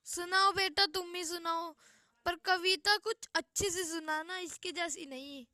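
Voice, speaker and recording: A woman's voice: extremely high pitch, fairly even intonation, measured pace, bright, forceful tone, no echo, heavily acted. A woman playing a strict, short-tempered male schoolteacher in a comic school skit, scolding and exasperated. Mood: coaxing. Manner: scolding, exasperated, threatens with a stick.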